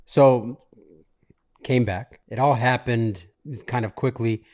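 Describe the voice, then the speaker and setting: A man in his late thirties hosting a casual podcast from a living room, telling a personal story in a halting, self-interrupting way. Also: mid-range voice, darkish tone. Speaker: podcast host. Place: makeshift studio in a living room.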